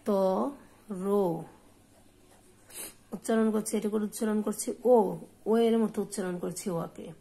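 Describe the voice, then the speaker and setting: A woman teacher giving a spoken lesson, saying example words slowly and repeating them for her pupils. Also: mid-range voice, gravelly, mellow, husky, rough recording. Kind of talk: slow spoken lesson on pronunciation.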